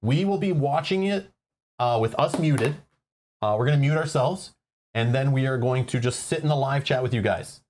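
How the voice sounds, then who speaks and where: A man's voice: mid-range voice, moderate pace, darkish tone, a little hiss or hum. A man hosting a livestream in a casual, conversational way. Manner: informal and conversational. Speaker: livestream host.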